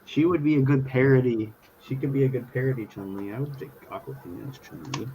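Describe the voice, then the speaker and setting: A man's voice: mid-range voice, quick pace, dark tone, poor audio. A man co-hosting a drawing talk show, chatting casually and teasing in joking banter. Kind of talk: casual chat while drawing.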